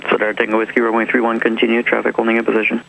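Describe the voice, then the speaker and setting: A man's voice: fairly low pitch, monotone, very fast, creaky. A man working as an air traffic controller, giving clipped procedural instructions over the radio. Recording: noisy, muffled aviation radio transmission.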